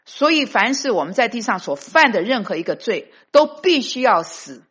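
A woman's voice: a little high, big pitch swings, moderate pace, a bit bright, slightly rough. A woman preaching a sermon with emphasis, dropping English phrases into her talk. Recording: dull lo-fi recording.

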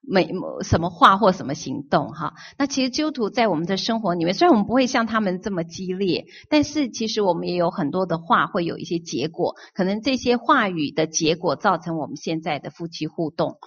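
A woman's voice: fairly low pitch, slightly rough. A woman teacher giving a chatty lecture, telling anecdotes and asking her audience questions. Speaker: teacher of emotional-intelligence courses. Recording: muffled lo-fi lecture recording.

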